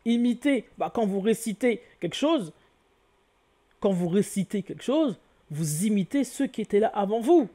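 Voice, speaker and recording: A man's voice: high voice, animated, normal speed, warm tone. Didactic man spelling out word roots. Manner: didactic, spells out letters, corrects himself often. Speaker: lecturer on word origins. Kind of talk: explanatory lecture to viewers.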